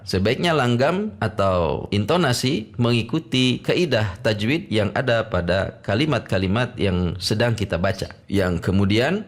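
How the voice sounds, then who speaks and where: A middle-aged man teaching Quran recitation step by step, patiently sounding out and repeating each syllable. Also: fairly low pitch.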